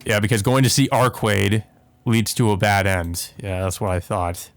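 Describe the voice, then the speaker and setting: Hosting a let's play, this man reads visual novel narration and adds casual remarks, his lowish voice at normal speed with no echo. Music plays behind him.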